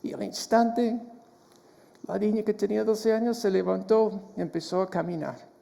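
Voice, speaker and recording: A man's voice: high voice, steady tone, moderate pace, gravelly, mellow, big-room sound. A man preaching a sermon as pastor, earnest, often restarting and repeating words. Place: church hall.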